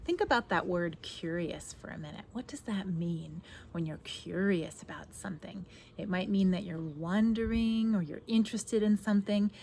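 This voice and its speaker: Outdoors in a backyard garden, a woman with a warm, gravelly, medium-pitched voice reads a picture book aloud expressively, stopping to ask young listeners guiding questions. Birdsong and faint outdoor noise sit in the background.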